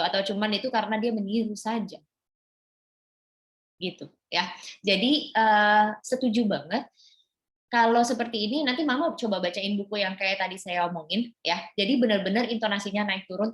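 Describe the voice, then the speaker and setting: A woman's voice: mid-range voice, a little fast. A woman pediatrician patiently explaining advice to parents during a webinar, on a video call. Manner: patient, explanatory, demonstrates animated reading voice. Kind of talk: webinar talk advising parents. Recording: echoey room.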